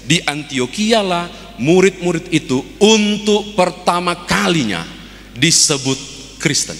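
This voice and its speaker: A man's voice: high-pitched, lively intonation, a little slow, fairly bright tone, big-room sound. A man with a Manado accent, a pastor preaching a sermon and telling stories to his congregation. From Manado, Indonesia. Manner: storytelling preacher acting out a joke.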